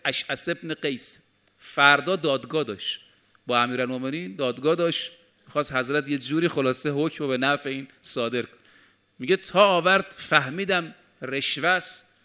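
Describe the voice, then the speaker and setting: A man delivers a sermon, his voice sitting high and sounding sharp and bright. He moves between calm explanation and emphatic, ringing peaks, often reciting Arabic sayings slowly before restating them. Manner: preaching with Arabic quotations, rising to emphatic peaks. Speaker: cleric.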